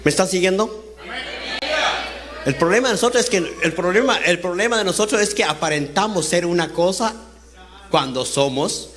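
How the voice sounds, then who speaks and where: High-voiced man preaching. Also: normal speed, pauses often. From Honduras. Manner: conversational, asks the congregation questions, laughs while talking. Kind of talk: sermon. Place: church service.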